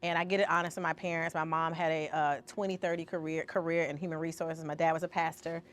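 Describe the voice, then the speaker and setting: A woman's voice: deep voice, flat delivery, quick pace, a little hiss or hum. A woman artist talking as a podcast guest, telling stories expressively and acting out the voices she quotes. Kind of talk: interview conversation.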